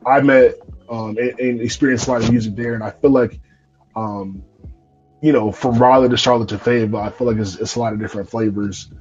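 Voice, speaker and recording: A man's voice: medium pitch, fairly even intonation, a little fast, a little mellow. A young man from North Carolina hosting a podcast interview, talking casually with many fillers and restarts. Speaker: podcast host. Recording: lo-fi live stream audio with faint music.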